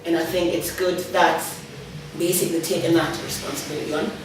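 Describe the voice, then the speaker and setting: A woman's voice: deep voice, fairly even intonation, fairly quick. A woman youth worker giving a reflective documentary interview with many ums, recorded with a far-off mic in a very echoey, noisy room. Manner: reflective, thoughtful, with frequent ums.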